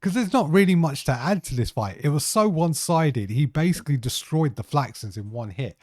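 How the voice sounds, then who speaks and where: A man's voice: on the high side, lively intonation, a little fast, no room sound. A young man co-hosting a podcast, recorded close and dry with no room behind him. He rambles through his notes with plenty of fillers, his throat strained by a coughing fit. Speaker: podcast co-host. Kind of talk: casual chat.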